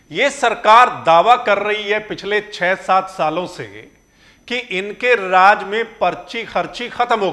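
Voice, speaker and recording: Guy with a tinge doing a news commentary, high bright voice, keeps firing questions. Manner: questioning, emphatic, rhetorical. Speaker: news reporter presenting a report.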